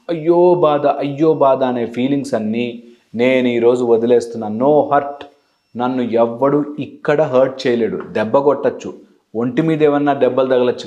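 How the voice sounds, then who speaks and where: A man's voice: mid-range voice, a little mellow. Life coach guy doing a motivational talk, keeps repeating words to hammer a point, throws in english bits, asks the viewers stuff directly. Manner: repeats words for emphasis, mixes in English phrases; addresses viewers directly with questions and instructions.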